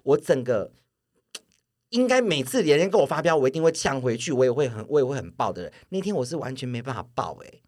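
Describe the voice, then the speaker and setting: A man's voice: mid-range voice, fast. A man in his forties with a Taiwanese Mandarin accent, telling stories in a self-deprecating way as a co-host in a casual chat. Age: 40s. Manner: animated, storytelling, self-deprecating. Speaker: podcast co-host.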